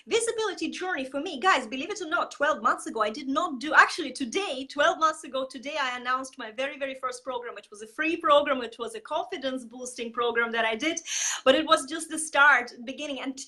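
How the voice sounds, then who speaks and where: Woman from Estonia, high bright voice, energetic and emphatic interview guest. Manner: energetic, emphatic, many fillers. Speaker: guest, marketing coach. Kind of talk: casual interview talk.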